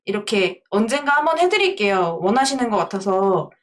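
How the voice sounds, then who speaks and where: Woman, live streamer, casual chat, playful, giggly, bouncy lively pitch. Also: fairly quick.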